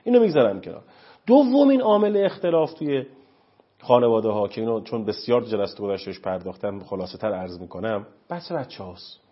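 A man's voice: lowish voice, sing-song, slightly rough. A man speaking as a counselor on a talk show, earnest and emphatic, lecturing. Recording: dull lo-fi recording.

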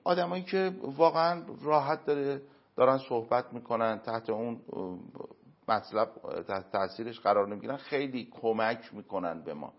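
A man answering as an interview guest, giving earnest moral and religious advice through everyday examples, with emphatic pauses. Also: medium pitch. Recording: dull lo-fi recording.

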